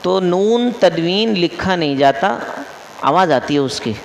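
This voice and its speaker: Speaking in a high, animated, gravelly voice, a mufti runs a class on the rules of Quran recitation, asking his listeners questions and restating each rule. Slight background noise and long reverb come from the echoey mosque hall.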